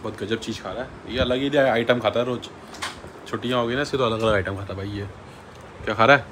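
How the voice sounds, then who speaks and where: Young man, vlogger, teasing, chatty, home phone recording, steady background noise. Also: mid-range voice, fast talker. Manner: chatty and teasing, joking loudly with kids. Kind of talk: casual family vlog.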